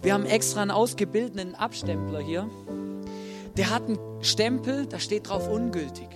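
A man's voice: high voice, normal speed. A man preaching an informal sermon, talking straight to the congregation and acting out quotes in a chatty, direct way. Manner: casual, direct, addresses listeners as "du", acts out quotes. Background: music playing under the speech.

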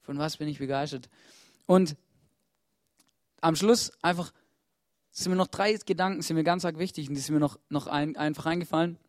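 A man's voice: fairly high pitch, moderate pace, pauses often, no echo, studio quality. A man preaching a sermon from a church stage, earnest and urging, putting questions to the congregation and often starting with "hey". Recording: soft guitar music playing behind.

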